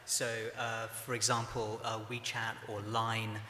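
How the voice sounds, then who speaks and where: Low flat-voiced man on a panel. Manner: measured, explanatory, many fillers. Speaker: panelist from a broadcaster's social news team. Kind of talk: conference panel discussion. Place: conference hall, live panel. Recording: echoey hall with faint noise.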